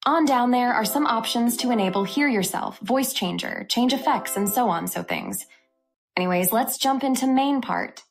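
Upbeat woman reviewing software. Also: a little high, animated, moderate pace, gravelly. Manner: upbeat, walks through menus step by step. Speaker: tech channel host.

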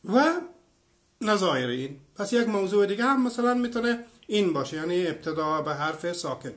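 A man in his fifties from Iran gives an online lecture. He explains at an even pace, offers many examples, and stops to answer comments from viewers. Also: high-pitched. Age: 50s. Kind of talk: online lecture with live chat.

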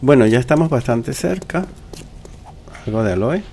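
Male gamer, mid-pitched with vocal fry, casual self-talking commentary over noisy game ambience. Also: lively intonation, moderate pace, dark tone. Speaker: gamer, let's play host.

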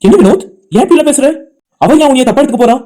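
A woman's voice: high-pitched, animated, very fast, noisy background. A woman voicing a kind, forgiving elder brother. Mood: reassuring. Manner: soothing, reassuring. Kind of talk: animated cartoon drama voice acting.

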